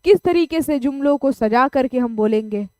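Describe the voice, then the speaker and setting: A woman's voice: sits high, expressive, normal speed, dark tone, clear, resonant tone, no echo. A woman teacher giving an online class lecture, explaining with everyday examples and checking in with her students.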